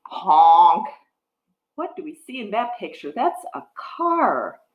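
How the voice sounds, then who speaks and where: A woman hosts a children's storytime, reading to toddlers in a high, very lively voice. She goes slowly and sing-song, stopping to put simple questions to the little ones. The room around her sounds echoey. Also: dull audio. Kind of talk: reading a picture book aloud to toddlers, with sing-along and chat. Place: wood-floored living room with a piano, indoors. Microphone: webcam or device mic at about arm's length. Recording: echoey room, device microphone.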